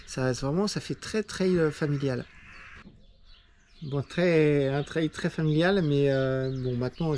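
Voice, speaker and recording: A man's voice: mid-range voice, darkish tone, slight background noise. A man talking casually in a vlog after a trail race, rambling with lots of fillers, recorded outdoors on a handheld camera. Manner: chatty, rambling with many fillers. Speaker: trail runner vlogger.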